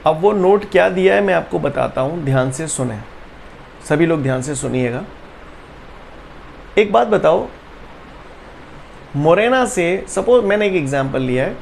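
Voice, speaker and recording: A man teaching physics in a high, gravelly voice, speaking. He coaxes and teases his students, checks over and over that they follow, and leads them in rote chants. A faint hiss of noise sits under the recording. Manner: teasing, repeats questions to students, drills chants. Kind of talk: online class lecture.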